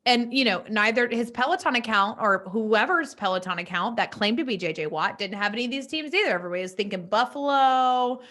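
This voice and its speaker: A young woman co-hosting a casual sports podcast, chatty and animated, peppering her talk with "like". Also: on the high side, fairly quick, few pauses. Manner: chatty, heavy use of "like", animated. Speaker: podcast co-host.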